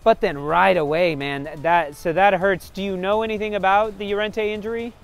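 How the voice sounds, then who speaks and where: A man in his forties with a notably high voice hosts a casual football chat outdoors on a city stoop. He talks with animated energy, gesturing and tossing questions to his co-hosts. The camera sits a few steps away from him. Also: moderate pace. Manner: animated, hand-waving, questions to guests. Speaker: host. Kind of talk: casual fan-show chat. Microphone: camera at a distance, standing.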